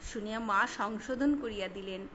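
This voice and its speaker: A woman reading a biography aloud in a measured, formal literary manner. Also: mid-range voice, pushed and bright. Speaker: reader. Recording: slightly dull recording with faint hiss.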